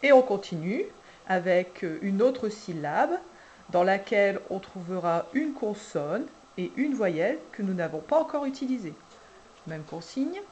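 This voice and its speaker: A woman preschool teacher guiding parents through a syllable dictation, speaking slowly and deliberately and drawing out each syllable. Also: medium pitch, very animated, a little mellow, muffled recording, slight background noise. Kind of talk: instructional video for parents.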